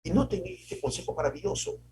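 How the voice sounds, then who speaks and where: Male pastor, devotional sermon, conversational, tag questions, loud then soft. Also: high voice, lively intonation, a little fast, breathy edge. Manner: shifts between loud emphasis and soft asides.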